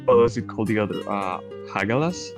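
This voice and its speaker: A man's voice: on the low side, expressive, a little fast. A man playing a tabletop game over a voice call, hesitant and full of fillers. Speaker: player. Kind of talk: casual game chat. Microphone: computer mic on a voice call. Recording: music playing clearly behind.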